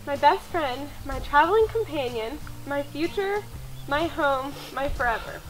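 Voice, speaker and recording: High-pitched young woman reading wedding vows. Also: low-quality recording. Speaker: bride. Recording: music laid over the voice. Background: music.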